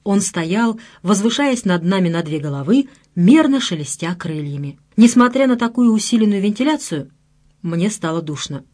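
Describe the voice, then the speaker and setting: A woman narrating a first-person audiobook in an expressive, wry storytelling manner. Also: medium pitch, moderate pace.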